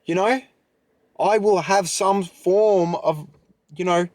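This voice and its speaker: A man's voice: sits high, takes it slowly, darkish tone, no echo. A young man hosting a solo podcast, talking in a fired-up, rambling way full of fillers and restarts. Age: young adult. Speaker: podcast host.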